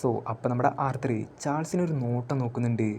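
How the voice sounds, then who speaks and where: Man, casual story recap, mellow tone, faint noise behind. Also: medium pitch, fast. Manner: colloquial retelling with frequent filler "so".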